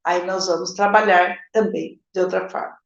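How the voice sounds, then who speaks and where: A woman's voice: on the low side, steady tone, moderate pace, gravelly, echoey room, lo-fi sound. A woman with a Brazilian Portuguese accent, a literacy teacher answering viewer questions in a live session, explaining step by step and checking in with her viewers. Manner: explanatory, addresses viewers directly with "gente" and "tá?".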